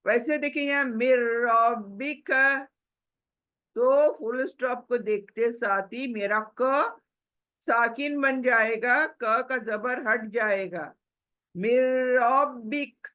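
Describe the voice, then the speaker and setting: A woman's voice: a little high, takes it slowly. A woman teaching recitation in a patient, explanatory way, repeating and stretching out words to demonstrate them. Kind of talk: slow explanatory lesson. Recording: dull lo-fi recording.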